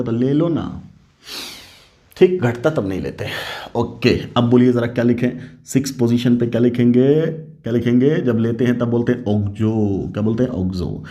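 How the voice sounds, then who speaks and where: A male chemistry teacher gives an online lecture, firing questions at his students and answering them himself in a call-and-response rhythm. He keeps his voice low and hushed because it is late at night. His tone is warm and mellow, at an ordinary middle pitch. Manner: speaking softly late at night.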